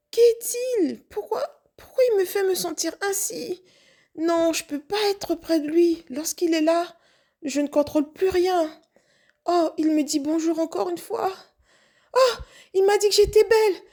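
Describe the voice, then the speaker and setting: Woman voicing a young waitress, lovestruck, flustered, breathless questions, mellow tone. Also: extremely high pitch. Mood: distraught. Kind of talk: first-person story acting.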